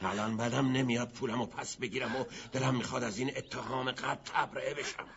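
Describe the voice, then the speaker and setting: A man's voice: medium pitch, fairly even intonation, vocal fry, husky, dull audio, full character voice. An actor dubbing a desperate, vengeful gangster who holds a gun on his enemy. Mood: menacing. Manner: menacing, shouting, then pleading and bitter. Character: desperate vengeful gangster holding a gun, middle-aged man. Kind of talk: Persian film dub.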